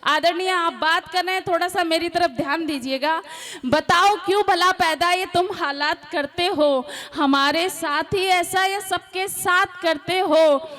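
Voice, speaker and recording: High-voiced woman singing ghazals on stage. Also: fairly bright tone. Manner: sings verses slowly, talks fast between them and asks the crowd to listen. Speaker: poet performing at a comic poetry gathering. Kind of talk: sung ghazal and song recital with spoken links. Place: stage at a live poetry event.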